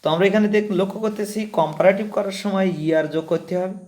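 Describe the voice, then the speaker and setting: A man's voice: high-pitched, brisk, a little mellow. A man teaching an English grammar lesson, explaining step by step and repeating the key terms.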